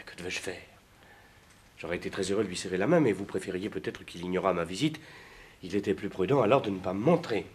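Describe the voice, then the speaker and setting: An actor playing a stammering jealous lover. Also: male voice, lowish voice, natural voice. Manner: stammering, pleading, rising to indignant outbursts. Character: anxious jealous young lover, wounded and pleading. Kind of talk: 1950s French stage acting.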